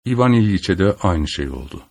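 A male audiobook narrator reads a literary text in a measured, solemn style. His voice sits low. The recording is dry and close, with no room sound. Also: animated, dry recording.

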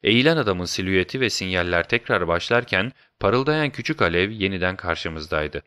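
A man narrating a story in the first person, in a measured storytelling manner. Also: low-pitched, animated, sharp tone, smooth. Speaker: audiobook narrator.

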